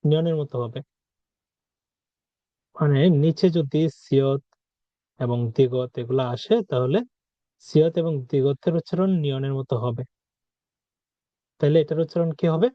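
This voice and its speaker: A man teaching a language lesson, explaining rules, asking questions aloud and repeating example words slowly. He is a native speaker of Bengali. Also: medium pitch, no room sound, highs cut off.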